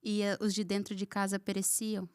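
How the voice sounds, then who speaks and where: A woman's voice: medium pitch, flat delivery, moderate pace, a little mellow, clear, resonant tone, no room sound. Woman podcast host, thoughtful comments, dry close sound. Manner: reflective, adds comments on the guest's story. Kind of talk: casual conversational interview.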